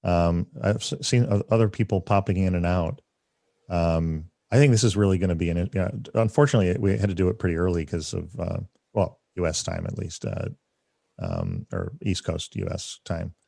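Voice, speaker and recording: A man hosting a casual livestream discussion, rambling with many fillers and restarts, his voice deep from having just woken up. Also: animated, moderate pace, vocal fry, dark tone, dry recording, studio quality. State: just woke up, deep morning voice. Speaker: summit host.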